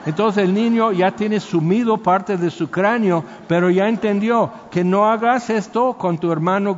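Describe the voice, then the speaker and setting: A Mexican man preaching a sermon, lively and joking as he acts out everyday scenes. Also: high-pitched. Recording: dull audio with long hall reverb.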